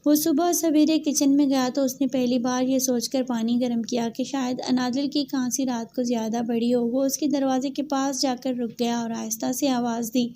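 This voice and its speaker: Woman reads a romance audiobook, calm and gentle, high pitched voice, faint hum behind. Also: hardly any pauses. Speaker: storyteller. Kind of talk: audiobook novel narration.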